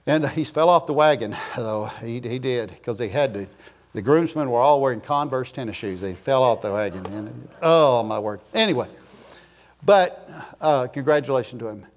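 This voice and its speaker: A man in his sixties preaching in a church in a rambling, folksy way, joking and telling stories to the congregation. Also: medium pitch. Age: 60s. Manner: joking storyteller, chatty asides to the congregation. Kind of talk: folksy, rambling sermon talk.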